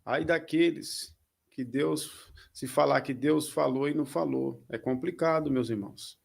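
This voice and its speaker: A man's voice: medium pitch, measured pace, creaky, darkish tone, slight background noise. A man, a pastor interjecting exhortations to the congregation with repeated calls. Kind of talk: sermon commentary.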